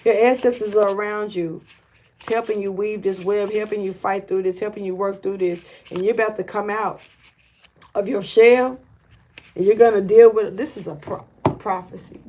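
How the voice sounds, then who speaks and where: A woman's voice: medium pitch, fairly even intonation, normal speed, darkish tone, slight background noise. Blunt, rambling woman reading tarot. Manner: loose, rambling and blunt, with slang and cursing; earnest and urgent, repeats and restarts often. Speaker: tarot reader. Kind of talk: casual spiritual tarot reading.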